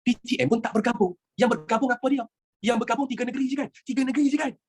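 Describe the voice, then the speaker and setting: A history teacher with a Malaysian accent gives an animated lesson, firing rhetorical questions at students and mixing in English phrases. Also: mid-range voice, very fast, slight background noise.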